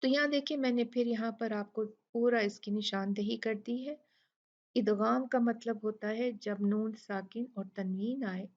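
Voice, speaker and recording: A woman's voice: on the high side, a little mellow, dull audio. A woman with a Pakistani Urdu accent teaching recitation rules, patiently repeating sounds to demonstrate them. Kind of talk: Tajweed lesson explaining rules.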